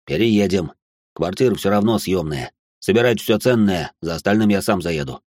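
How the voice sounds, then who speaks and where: A man reading an audiobook, voicing a big, tough, decisive father with a gruff, clipped delivery. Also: low-pitched, lively intonation, moderate pace, darkish tone.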